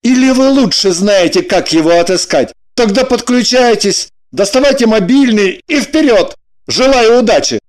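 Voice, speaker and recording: A man's voice: sits high, lively intonation, normal speed. A man voicing a dry, sardonic man in an audiobook, matter-of-fact and mocking.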